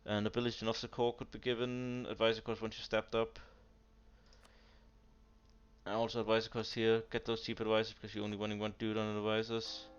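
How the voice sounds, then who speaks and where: A man's voice: lowish voice, monotone, brisk, clean tone. A man giving casual, blunt commentary on a player's strategy game nation, exasperated and full of fillers. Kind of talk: casual commentary over gameplay. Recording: dull lo-fi mic with keyboard typing behind.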